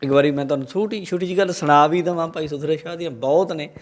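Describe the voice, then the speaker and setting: A man's voice: a little high, rapid-fire. A man with a Punjabi accent giving a religious talk, preaching and telling a story to a congregation. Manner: lively, quotes the Guru and tells a story to the congregation. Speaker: Sikh preacher.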